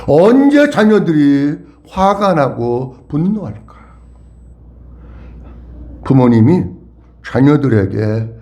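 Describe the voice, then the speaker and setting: A man's voice: fairly high pitch, vocal fry, dark tone. A male pastor preaching a sermon, leading the congregation in call-and-response.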